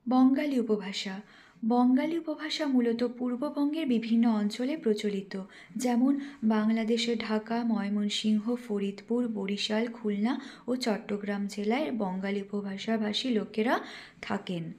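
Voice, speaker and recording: A woman's voice: fairly high pitch, mellow. Woman reading out a careful lesson. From West Bengal, India. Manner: careful and didactic, slows to spell out example words. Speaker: teacher trainee presenting a lesson. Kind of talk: read-aloud lesson presentation.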